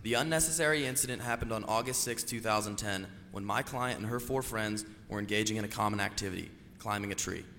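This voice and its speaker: A man's voice: fairly low pitch, quick pace, hardly any pauses, sharp tone. Male attorney addressing court in reverberant hall. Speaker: plaintiff's attorney. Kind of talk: formal prepared opening statement. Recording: reverberant hall with faint noise.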